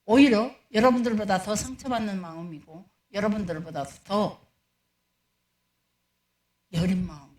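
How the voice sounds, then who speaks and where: A woman's voice: mid-range voice, moderate pace, long pauses, a little mellow. A middle-aged woman, a pastor's wife preaching a storytelling sermon and acting out the dialogue she recounts.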